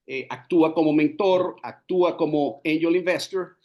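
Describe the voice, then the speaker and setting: A man hosting a business podcast, giving a long flowing introduction in a fluent manner, slipping English business terms into his Spanish and pausing on "eh" fillers. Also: a little high, highs cut off. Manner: frequent "eh" fillers. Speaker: podcast host. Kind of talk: scripted interview introduction.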